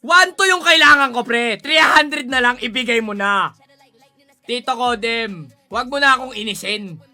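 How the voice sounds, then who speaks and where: A man giving casual gaming commentary, excitable, pleading and shouting at the game as he plays. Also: very high voice, a little slow. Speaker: gaming streamer.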